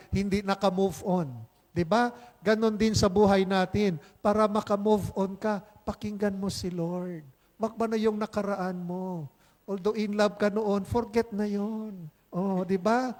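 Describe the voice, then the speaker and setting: A man's voice: sits high, a little mellow. A male priest giving a conversational homily at Mass, mixing English into Filipino and often checking in with "di ba?" and "okay?", with playful asides. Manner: conversational, keeps asking "di ba?" and "okay?"; mixes English phrases into Filipino. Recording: long hall reverb.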